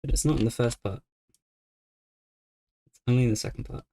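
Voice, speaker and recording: This young man's medium-pitched voice is brisk and mellow with some vocal fry. Streaming a game, he talks casually and reasons aloud as he makes his way through a puzzle.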